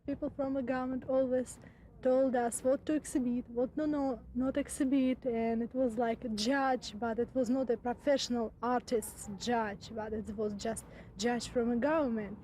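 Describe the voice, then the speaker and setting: A woman from Russia with a Russian accent, answering an interview in halting non-native English. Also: fairly high pitch, steady tone, warm tone. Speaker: immigrant art gallery owner being interviewed. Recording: noisy location news interview.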